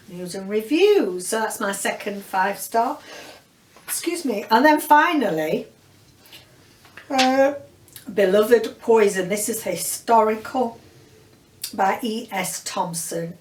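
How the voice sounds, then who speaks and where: Chatty Yorkshire woman, a bit low and roomy. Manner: chatty, rambling, frequent uh fillers. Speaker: book vlogger. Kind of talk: casual monthly book wrap-up. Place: home room with bookshelves behind her. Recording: roomy, distant mic, faint background hiss.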